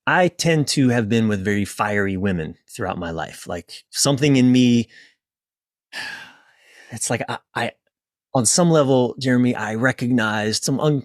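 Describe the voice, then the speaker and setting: A relationship coach appears as a podcast guest, telling personal stories in an informal, emphatic manner that is sometimes halting and sprinkled with casual swearing. His voice is mid-range, and the studio-quality audio has no echo.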